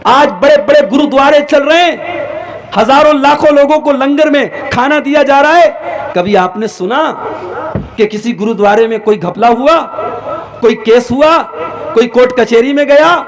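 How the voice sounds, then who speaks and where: Impassioned gravelly high-voiced male preacher. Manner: impassioned, rising and falling delivery; chants Arabic quotations slowly. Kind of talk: sermon.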